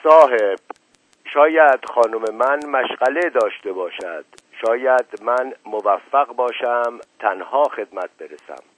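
A man reading as a halting, formal Indian gentleman. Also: medium pitch, lively intonation, natural voice. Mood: courteous. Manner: slow, halting, broken formal phrasing. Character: male Indian sardar, formal, politely declining. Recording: dull lo-fi radio recording.

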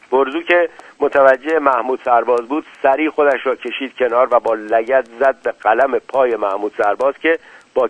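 A man narrates a tale dramatically, slipping into voices for its characters. His mid-pitched voice sounds close and dry. The recording is dull and muffled. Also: fairly bright tone, no room sound. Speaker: storyteller. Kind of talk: scripted story narration.

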